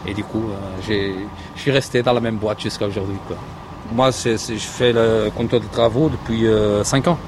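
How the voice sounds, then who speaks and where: A man's voice: lowish voice, steady tone, normal speed. A man from Portugal, a construction site supervisor, answering interview questions in a hesitant way, full of fillers and restarts. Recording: street noise and traffic behind.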